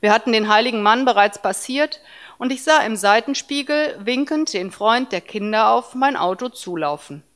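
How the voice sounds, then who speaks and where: A woman reads a first-person story aloud in a calm, even narration. Her voice sits a little higher than most women's. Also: normal speed.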